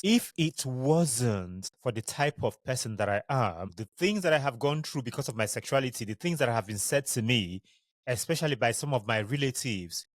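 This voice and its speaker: A man's voice: mid-range voice, no echo. A young adult man with a Nigerian accent, hosting a podcast and telling personal stories in a chatty, candid, digressive way. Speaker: podcast host. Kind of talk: casual personal storytelling monologue.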